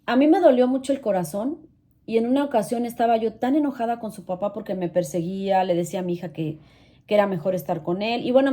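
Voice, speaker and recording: A woman's voice: medium pitch, mellow. A middle-aged woman telling a painful personal story in an earnest, pained way, often repeating herself. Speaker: channel host sharing her story. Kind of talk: emotional personal testimony.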